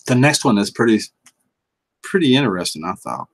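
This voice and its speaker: Over a noisy background, a middle-aged man with a Southern US accent reads his livestream chat and chats casually. His manner is folksy, with chuckles and drawn-out words. His voice sits at medium pitch with vocal fry.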